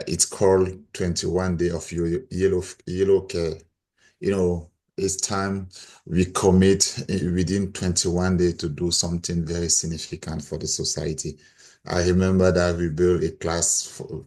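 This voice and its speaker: A middle-aged man with a Cameroonian accent, a volunteer mentor, shares personal stories as a panel guest. His voice is low-pitched and slightly mellow.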